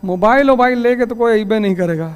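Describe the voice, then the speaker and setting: High-voiced male teacher lecturing a class. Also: fast talker, clean tone, soft background music. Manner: storytelling, wry, with rhetorical questions; firm, laying down rules.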